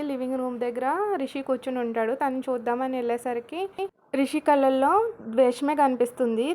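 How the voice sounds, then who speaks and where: A woman telling a fan story in a relaxed, conversational way and stopping for explaining asides. Her voice sits high. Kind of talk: casual storytelling narration.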